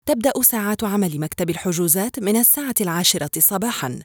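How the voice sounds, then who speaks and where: Woman doing phone menu recordings, quick and polite, super dry close sound. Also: mid-range voice, darkish tone, no room sound. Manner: polite, formal, clearly enunciated. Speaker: phone system voice prompt announcer. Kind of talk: scripted phone menu prompts.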